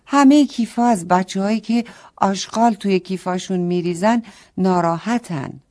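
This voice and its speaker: A woman's voice: mid-range voice, darkish tone, close to an everyday voice. A woman voicing a grumpy, scolding talking backpack in a children's story, complaining about the trash put inside it. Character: scolding orange backpack, grumpy then kind.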